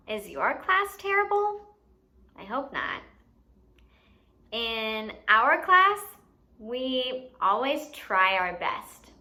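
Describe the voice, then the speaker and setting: A woman with a slightly high, pushed, bright voice leads a lesson for young children. As teacher and host, she keeps things simple and expressive and quizzes the listener along the way.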